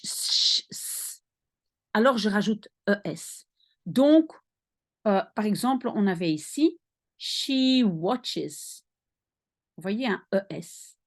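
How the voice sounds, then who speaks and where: A woman language teacher patiently explaining grammar to a student, with careful repetition. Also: on the high side. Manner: slow, patient, lively intonation. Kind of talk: explaining English grammar in French.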